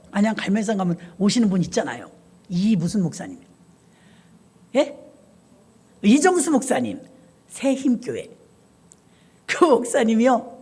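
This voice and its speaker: A woman's voice: mid-range voice, husky. A middle-aged Korean-church woman pastor delivers a sermon as a string of anecdotes. She narrates in a conversational way and slips into the voices of the people she quotes. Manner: animated storyteller acting out voices. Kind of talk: sermon with storytelling.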